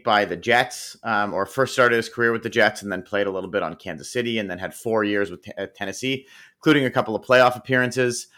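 A podcast co-host with a lowish voice and a sharp tone chats about football. He keeps it easygoing and joking, with plenty of fillers, in a casual sports conversation.

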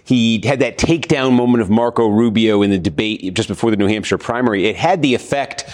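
A man's voice: lowish voice, brisk, a little mellow. A man, a guest analyst, giving thoughtful political commentary with a few small restarts.

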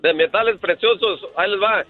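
A man's voice: high voice, fairly quick, faint music behind. A man calling into a radio show over the phone, playfully telling a riddle. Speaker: caller. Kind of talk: phoned-in joke. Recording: tinny phone line.

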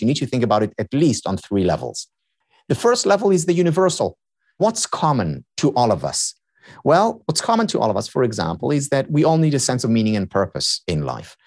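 With a medium pitch and a darkish tone, this man is a podcast guest whose native language is Hebrew. He researches and teaches happiness, and in this explanatory interview he lectures, building each idea by repeating it.

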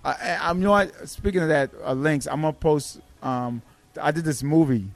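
Animated stammering guest comedian, a man. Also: fairly high pitch, normal speed. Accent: New York. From Brooklyn, United States. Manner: animated, stumbling restarts. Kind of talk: casual podcast chat.

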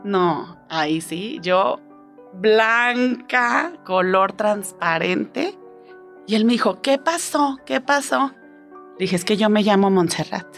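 A woman's voice: medium pitch, slow, faint music behind. Mexican woman telling a personal story. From Guadalajara, Mexico. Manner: expressive, conversational, lots of tag questions. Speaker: storyteller guest.

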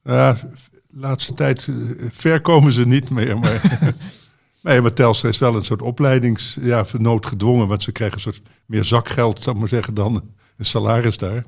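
Creaky-voiced man in relaxed chat. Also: mid-range voice, normal speed. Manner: chatty, agrees often with short remarks. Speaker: podcast panelist. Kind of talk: casual chat.

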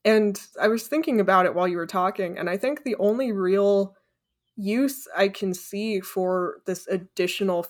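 A woman's voice: medium pitch, normal speed. A woman co-hosting a podcast, talking casually and animatedly about films, with sarcastic asides. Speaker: podcast co-host. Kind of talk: casual film discussion.

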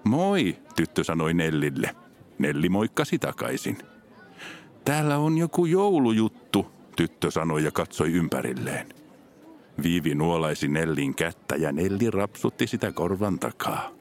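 Deep-voiced man reading a children's story. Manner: expressive storytelling. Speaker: narrator.

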